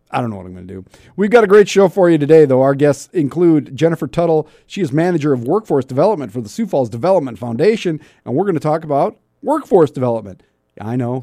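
A man's voice: mid-range voice, mellow, no room sound. A male talk radio host chats casually in a mid-range voice. He grumbles wryly and tosses out rhetorical questions. The sound is close and dry.

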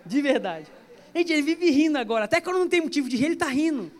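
A man with a strikingly high voice preaches a relaxed, conversational sermon. He jokes with the congregation and slips into storytelling as he goes. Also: fast talker, some chatter behind. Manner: chatty, joking, storytelling. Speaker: pastor. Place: church service.

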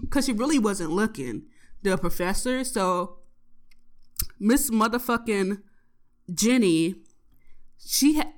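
A young woman telling a story from her day in a casual, profane and exasperated way, with lots of swearing. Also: mid-range voice. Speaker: podcast host.

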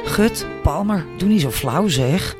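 A man's voice: high-pitched, lively intonation, slow pace, over loud music, voice pushed up. A man doing a sassy, taunting laundry woman. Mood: indignant. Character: sharp-tongued cocky female laundry worker.

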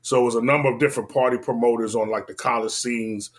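A man in his forties with a Washington, D.C. accent tells his story casually and laid-back, full of slang, his volume drifting between loud and low. His tone stays steady and his pace is quick.

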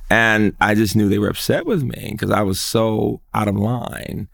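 An older man tells his story in an earnest, emphatic way, pausing to think as he goes. His voice is fairly low and gravelly. He speaks as an interview guest who teaches for a living. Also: steady tone, a bit bright. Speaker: guest, educator. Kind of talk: recounting memories in conversation.

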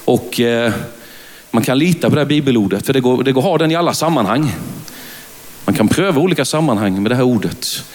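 A man's voice: medium pitch, lively intonation. A man with a Småland accent from Värnamo, preaching a fervent sermon in church and often calling out hallelujah. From Sweden. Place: church at a conference service.

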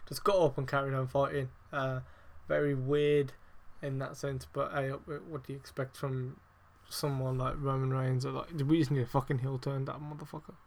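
A man hosting a casual wrestling review podcast, rambling with lots of fillers, swearing heavily and getting excitable and emphatic. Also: mid-range voice, normal speed, hardly any pauses. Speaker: podcast host.

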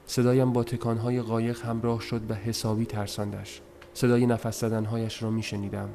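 Soft, somber male audiobook narrator. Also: on the low side, flat delivery. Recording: noisy recording.

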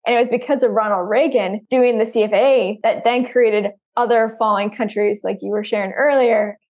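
A woman's voice: a little high, steady tone, moderate pace, a little mellow. A woman with an American accent, a guest in an interview, explaining laws at length with everyday examples and laughing often. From United States. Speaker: guest, security researcher. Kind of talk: casual interview talk.

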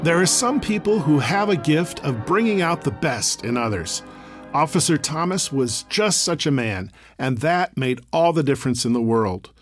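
A man's voice: a little high, lively intonation, moderate pace, no room sound, soft background music. A man, a priest, presenting a radio show in scripted, devotional narration.

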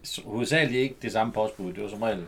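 A man's voice: fairly low pitch, a crowd in the background. A man chatting casually about an old film, explaining background details at length.

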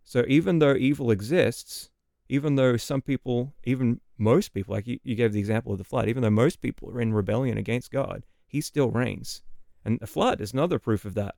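A man, a guest on a podcast, explaining scripture in a thoughtful, measured way, pausing and restarting as he works through his points. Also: medium pitch, creaky, dark tone, dry recording, studio quality. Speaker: podcast guest, Bible teacher.

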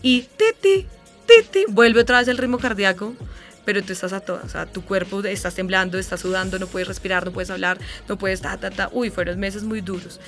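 A woman in her thirties with a Colombian accent, a radio host telling a personal story in an interview, animated and vivid. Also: medium pitch, brisk, soft background music. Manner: animated storyteller, imitates sounds and voices.

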